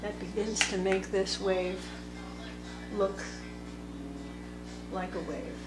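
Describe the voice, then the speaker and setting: A woman teaching watercolor, thinking aloud slowly as she paints at a table. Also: mid-range voice. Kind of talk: unscripted painting tutorial narration. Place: indoor table workspace. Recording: echoey room with background music. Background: soft instrumental music.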